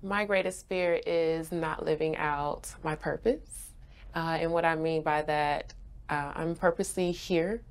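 This young adult brand ambassador, originally from Haiti and raised in Florida, is interviewed in an indoor studio, answering bubbly and laughing often. She has a deep, clear, resonant voice with fairly even intonation and a slightly slow pace.

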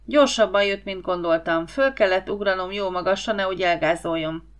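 Woman reading as a calm space pilot man. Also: medium pitch, clean tone, natural voice. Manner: calm, steady.

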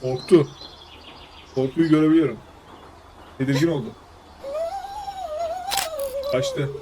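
A man's voice: a little high, noisy background. Man doing wry live game commentary. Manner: muses aloud, wry asides, grows loud and excited. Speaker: gameplay streamer. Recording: game music playing behind.

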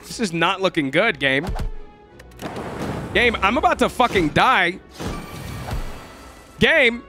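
A young man with a high, nasal voice takes his time, cursing and cracking jokes as he commentates live gameplay on stream from a room at home. Music plays underneath, and his manner is profane, excitable and jokey.

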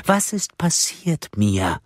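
A man voicing a deranged, gleeful woman kidnapper in an audiobook, with shrill giggling and sing-song menace. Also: very animated, slow, dry recording, studio quality. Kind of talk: audiobook character voice.

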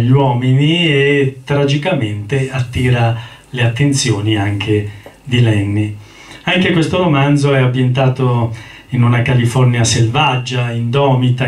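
Halting male literature lecturer, echoey hall. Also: mid-range voice, distant mic. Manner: thoughtful, halting, with frequent hesitations. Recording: roomy hall, voice from afar.

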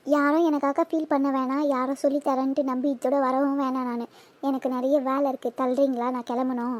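A woman's voice: high-pitched, little pitch movement, fairly quick, darkish tone, close to an everyday voice. A woman voicing a hurt schoolgirl in a cartoon who talks bitterly and curtly. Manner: bitter, curt, sulky. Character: hurt, sulking schoolgirl Kaviya. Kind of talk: cartoon voice acting.

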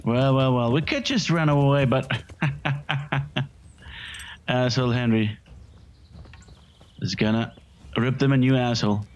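A man's voice: mid-range voice, steady tone, slow, pauses often, highs cut off. Foul-mouthed man joking through a game. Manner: crude, swearing, joking running commentary. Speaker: gaming channel host. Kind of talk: casual let's-play commentary.

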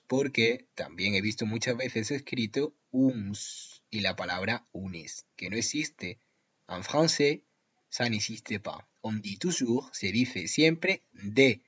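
A man teaching French vocabulary to Spanish speakers, saying each example slowly and repeating it. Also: lowish voice, breathy edge, lo-fi sound. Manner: slow, drawn-out model pronunciations with repetition. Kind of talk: language lesson.

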